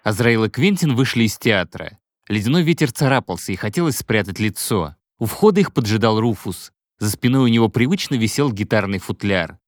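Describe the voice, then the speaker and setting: A man reading a novel aloud in measured, expressive scripted narration. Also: fairly low pitch, no echo. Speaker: audiobook narrator.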